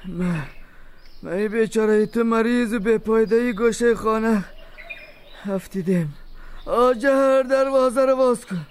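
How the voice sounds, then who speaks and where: A man's voice: high voice, clear, resonant tone, lightly acted. A man playing a weeping sick old father. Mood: mournful. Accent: Afghan Dari. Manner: pleading, weeping, grateful. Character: sick bedridden father, tearful and remorseful. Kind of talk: audio drama acting.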